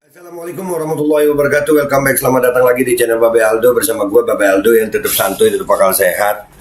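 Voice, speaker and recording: A man hosting his own channel, talking loudly and heatedly in casual commentary. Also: mid-range voice, steady tone, rapid-fire, roomy sound, low-quality recording. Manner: loud, heated, then slipping into Arabic prayer phrases. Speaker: YouTube channel host.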